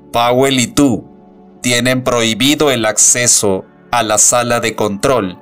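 A man voicing a booming metallic robot prophet. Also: fairly bright tone. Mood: stern. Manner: slow, measured, preaching delivery. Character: solemn male robot prophet, calm and unbending. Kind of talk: audiobook narration.

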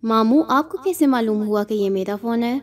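A woman's voice: fairly high pitch, close to an everyday voice. A woman voicing a timid, frightened young man in an audio horror story. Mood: nervous. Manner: hesitant, fearful. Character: young man, nervous, timid around his possessed wife.

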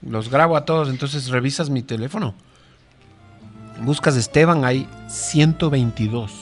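A man hosting a radio show, joking in casual banter with quick asides. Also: mid-range voice, faint music behind. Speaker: radio host.

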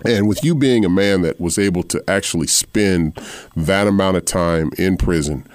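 A male radio host with a very deep voice, recorded close and dry. He asks long, earnest questions, pausing on "uh" as he builds them. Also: no room sound. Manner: measured, earnest questioning with "uh" fillers. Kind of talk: radio interview.

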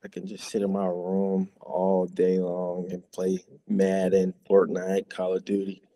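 In a low voice and at a slightly slow pace, a young Chicago-area college football player chats casually as an interview guest. His manner is easygoing, and his words tend to drift off quietly.

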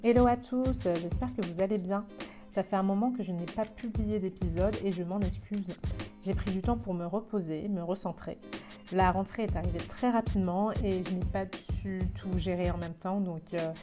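A woman's voice: mid-range voice, moderate pace, music in the background. A woman hosting a podcast, reading an upbeat intro and then chatting with frequent hesitations. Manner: clear, upbeat read intro, then chatty with many fillers. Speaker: podcast host. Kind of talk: podcast interview with scripted intro.

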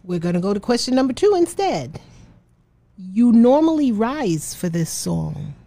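A woman's voice: mid-range voice, measured pace, gravelly. A woman hosting a playful game show, teasing the players and reading clues. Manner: teasing and energetic, counts down and reads clues.

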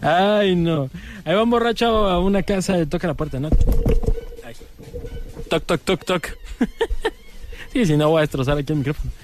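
A man's voice: high-pitched, moderate pace, pauses often, background noise. A man with a Mexican accent hosting a radio joke segment, playful and laughing at his own jokes. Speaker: radio comedy host.

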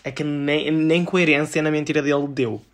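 A man in his twenties with a European Portuguese accent, hosting a solo podcast and telling shop stories in a sassy, animated way. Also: on the high side, normal speed. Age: 20s. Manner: sassy, animated storytelling with playful asides. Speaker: podcast host; retail shop worker. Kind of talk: casual solo podcast monologue.

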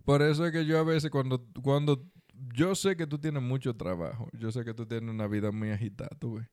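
A man with a Dominican accent talks casually as a podcast co-host. His medium-pitched voice is clean and resonant, recorded dry. He uses colloquial slang and repeats himself for emphasis. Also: fairly even intonation, a little fast, darkish tone, no echo. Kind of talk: casual conversational chat with advice to listeners.

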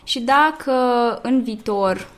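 A woman's voice: on the high side, animated, fairly bright tone. A young woman co-hosting a podcast in casual chat, hesitant, with many fillers and frequent laughs. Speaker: podcast co-host.

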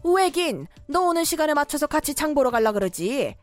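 A woman's voice: high voice, very animated, brisk, no echo, soft background music. A woman voicing a domineering, scolding middle-aged mother-in-law in a cartoon story drama. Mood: pressing.

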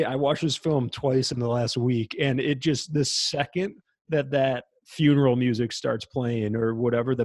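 A young man co-hosting a podcast, chatting casually and with enthusiasm about a movie, acting out lines from it. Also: no room sound. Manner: enthusiastic, acts out quotes in high voices. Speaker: podcast co-host.

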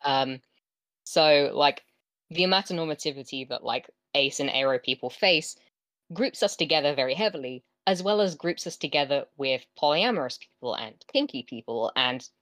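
A woman's voice: deep voice, animated, moderate pace, a bit bright, no echo. A woman with a West Country English accent, chatting casually as a podcast co-host in an informal, emphatic way. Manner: informal, emphatic, peppers talk with "like". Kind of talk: casual chat.

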